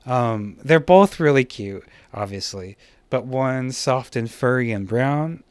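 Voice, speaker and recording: A man talks through a slideshow lesson on art composition in a relaxed, unscripted way, full of fillers and little self-deprecating asides. His voice sits at an ordinary middle pitch. The sound is dry and close, with no room echo. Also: clean tone. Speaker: teacher.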